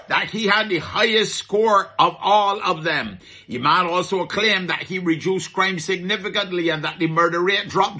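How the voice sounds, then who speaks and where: A man's voice: sits high, pushed and bright, slightly rough. A middle-aged man with a Barbadian accent giving chatty comic commentary in a market vendor persona, full of rhetorical questions and dialect asides.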